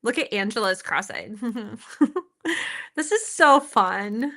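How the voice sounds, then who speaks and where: Heard through a laptop's built-in mic at home, a woman hosts a casual live stream, chatting and laughing with viewers as she reacts to videos and fixes her audio. Her voice is medium-pitched, animated and slow, creaky, pushed and bright.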